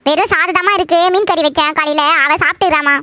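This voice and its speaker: A woman plays a fussing, scolding mother in a cartoon. Her voice sits very high and sounds bright and sharp. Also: steady tone, a little fast, no room sound. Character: bossy mother of two teen daughters. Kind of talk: cartoon voice acting.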